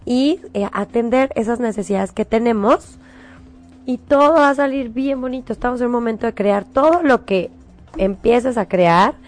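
A middle-aged Mexican woman, a show host, giving spiritual advice in a coaxing, animated way. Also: a little high, moderate pace, faint music behind. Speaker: host giving angel predictions.

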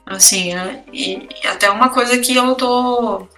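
A woman's voice: fairly high pitch, a little slow, pushed and bright, distant mic, faint music behind. A woman, co-hosting a podcast, telling personal stories in casual chat with lots of feeling. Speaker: podcast co-host.

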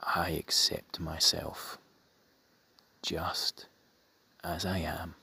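A man softly leading a guided meditation in a breathy, soothing half-whisper, with measured phrases and long pauses. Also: deep voice, completely flat delivery, no echo.

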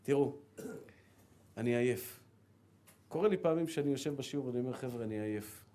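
A middle-aged rabbi from Israel giving a sermon, telling stories with lively acted-out dialogue and repeated words. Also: male voice, medium pitch. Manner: animated storytelling, acts out dialogue and repeats words.

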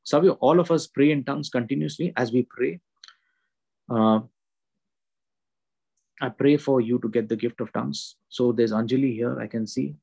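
Gravelly, husky man leading fervent prayer. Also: mid-range voice, moderate pace, pauses often, a little mellow, poor audio. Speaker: prayer leader. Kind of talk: leading an online prayer meeting. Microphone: video call.

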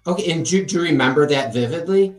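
A man's voice: fairly high pitch, animated, fast talker, soft background music. Chatty interviewer man in an echoey room. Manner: curious, chatty questioning with fillers. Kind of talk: casual interview chat.

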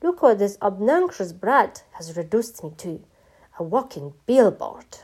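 A woman's voice: medium pitch, very animated, unhurried, a little mellow, slightly rough. A woman voicing a mournful talking elephant. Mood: indignant. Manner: mournful, weary sighing.

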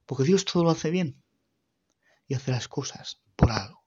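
A man giving an earnest, halting personal faith testimony about caring for his dying mother. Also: medium pitch, expressive, dull audio, noisy background. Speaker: grieving son giving testimony.

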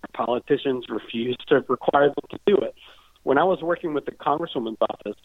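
A man's voice: mid-range voice, fairly quick, no echo. A man, a political candidate, explaining earnestly with many fillers over glitchy, breaking-up call audio. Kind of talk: remote interview answer. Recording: thin dry phone-line sound.

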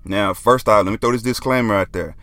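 A man's voice: on the low side, a little fast, fairly bright tone. A young man, talking casually as a podcast host, laid-back and joking, often dropping "man". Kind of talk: casual solo podcast talk.

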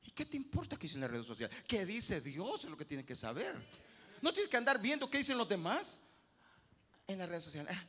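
A male pastor, preaching an animated sermon and acting out the voices he quotes. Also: high voice, a little fast, slightly rough. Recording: long hall reverb.

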